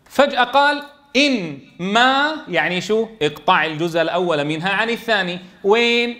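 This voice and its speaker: A man's voice: high-pitched, lively intonation, normal speed, bright, forceful tone. A man leading a classroom tajweed lesson for Quran teachers, explaining step by step and checking in with his students.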